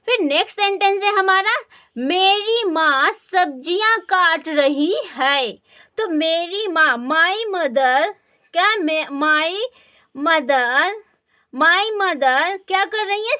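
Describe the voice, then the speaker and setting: In this classroom-style spoken English lesson, a native Hindi speaker with an Indian accent keeps questioning the listener and repeating words. She has a high voice with a sharp tone.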